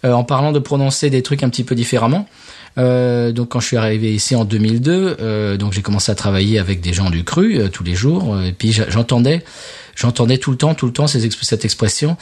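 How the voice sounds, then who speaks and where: A man's voice: medium pitch, expressive, brisk, a little mellow. A middle-aged man co-hosting a casual podcast chat, explaining things at length with frequent hesitations. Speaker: podcast co-host.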